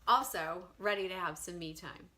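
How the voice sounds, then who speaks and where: A woman in her thirties who works from home, chatting to camera in an animated, storytelling way. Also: fairly low pitch, normal speed. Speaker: direct sales consultant. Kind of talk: casual talk to camera.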